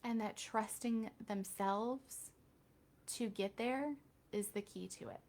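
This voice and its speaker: A woman's voice: medium pitch, takes it slowly, darkish tone. A woman hosting a casual live Q&A stream, talking candidly with chatty, self-deprecating asides. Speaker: reiki healer hosting a live Q&A.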